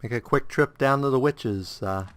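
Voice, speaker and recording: Against slight background noise, a man speaks at normal speed in a medium pitch. The let's play host has a stuffy nose and slightly sore throat, and he idly hums through menus while casually talking about his game, relaxed and rambling as he thinks out loud.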